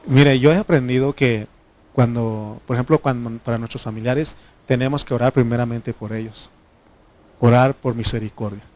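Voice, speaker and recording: He's a middle-aged pastor from Mexico, originally a Triqui speaker, with a Mexican Spanish accent. His medium-pitched voice stays steady and a little mellow at a moderate pace. He gives a folksy sermon and prompts the congregation for responses.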